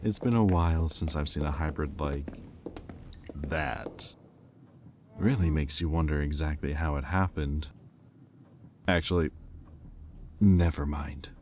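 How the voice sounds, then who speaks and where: With a very deep voice and slow, measured delivery, a man plays a haughty, sardonic demon bidding at an auction, sounding like an audio roleplay villain. His condescension carries bored disdain in a slightly mellow tone, with faint noise in the background.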